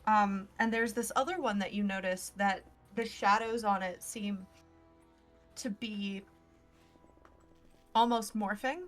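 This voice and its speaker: A woman narrating a tabletop role-playing game as game master, in halting, suspenseful storytelling. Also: medium pitch. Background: faint music.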